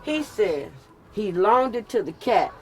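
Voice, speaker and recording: An older woman chatting casually and telling stories in an animated, emphatic way, repeating phrases for comic effect. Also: mid-range voice, a little slow. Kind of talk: casual storytelling chat. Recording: noisy with clear vehicle and street sound.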